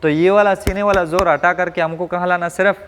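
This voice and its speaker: A man from Rajasthan teaching Quran pronunciation to a class, asking questions and modeling each sound slowly. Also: high-pitched, steady tone, fairly bright tone, in a large hall. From Rajasthan, India. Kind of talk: classroom lesson.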